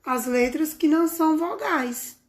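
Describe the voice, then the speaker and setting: Lady teacher talking slow n high to small kids, singsongy, recorded on her phone. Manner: slow, sing-song, affectionate teacher talk to young children. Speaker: primary school teacher. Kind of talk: recorded remote lesson for children.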